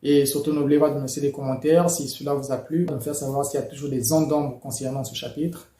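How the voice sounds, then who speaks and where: A man explaining pronunciation rules in a measured, methodical lesson, with occasional fillers. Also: medium pitch, steady tone, warm tone, reverberant. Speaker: language teacher.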